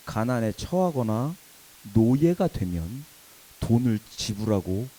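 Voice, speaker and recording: At a youth service in a church worship hall, a young male pastor gives a sermon built around a humorous anecdote from his own life. His fairly low voice comes through a poor recording, lively with self-directed laughter and dramatized shouts.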